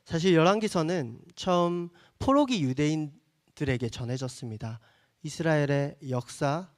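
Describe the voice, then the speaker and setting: Young guy pastor preaching to a youth service, high voice that swings all over, earnest. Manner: earnest preaching with acted asides. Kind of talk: sermon to a young adult congregation.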